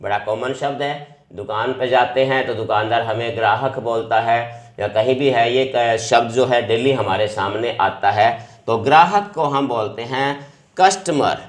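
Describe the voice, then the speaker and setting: A man teaching English words, repeating each term with a lifted, louder emphasis before checking that students follow. His voice sits at an everyday middle pitch. The recording carries a noticeable room echo. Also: measured pace. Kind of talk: vocabulary lesson. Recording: echoey room.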